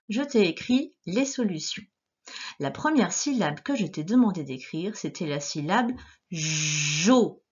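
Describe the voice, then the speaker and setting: Slow, careful woman teacher dictating syllables. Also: a little high, muffled recording. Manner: slow, clearly articulated syllables with gestures. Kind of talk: dictation lesson for young children.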